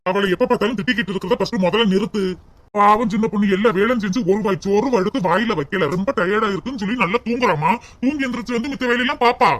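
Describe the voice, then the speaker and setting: A man's voice: sits high, rapid-fire, a bit bright. A man voicing a patient young husband in a cartoon, pleading with his mother. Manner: pleading, reasoning.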